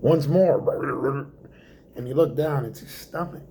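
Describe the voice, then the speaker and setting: Slow, theatrical stand-up man. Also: mid-range voice, vocal fry, slight background noise. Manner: theatrical, slows for effect and drops to hushed asides. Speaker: stand-up comedian. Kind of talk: stand-up monologue.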